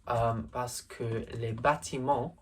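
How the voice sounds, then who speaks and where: Slight background noise sits under a slow, steady, mid-range male voice. The speaker is a language tutor from England in his late teens, thinking out loud through an exam paper on a screen recording, full of fillers and hesitations.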